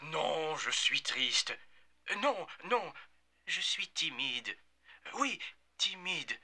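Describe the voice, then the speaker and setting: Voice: medium pitch, big pitch swings, takes it slowly, bright, forceful tone, exaggerated voice. An actor playing a flustered, hesitant male clown who stumbles and corrects himself, in a scripted language-lesson dialogue. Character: flustered male clown who keeps forgetting his name.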